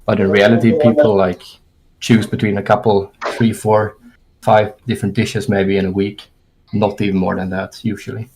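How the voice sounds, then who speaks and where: Born in Germany and raised in Sweden, a young fitness coach chats casually on a podcast with a German and Swedish accent, hesitating and restarting his sentences as he talks things through. His voice is lowish, flat and darkish at a moderate pace, on a rough recording.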